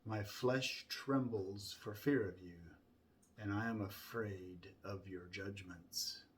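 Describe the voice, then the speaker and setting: A man with a fairly low voice recites scripture very slowly and solemnly. Each phrase is deliberately set out, opening with emphasis and easing off softly as it closes. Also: a little hiss or hum. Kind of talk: solemn Bible recitation from memory.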